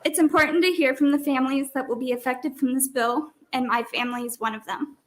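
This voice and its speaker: High-voiced tearful woman testifying. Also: fairly even intonation, quick pace. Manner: emotional, voice breaking, tearful. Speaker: parent testifying at a hearing. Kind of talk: public testimony.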